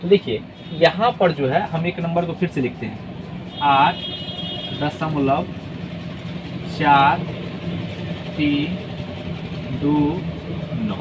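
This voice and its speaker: A man teaching a math lesson, explaining step by step, reading digits out slowly one at a time, and often checking that the class is following. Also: a little high, background noise.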